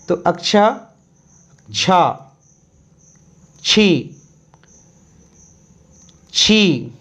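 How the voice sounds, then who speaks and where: A teacher with a medium-pitched voice slowly dictates a Hindi syllable chart. She calmly repeats each sound, step by step, for young pupils.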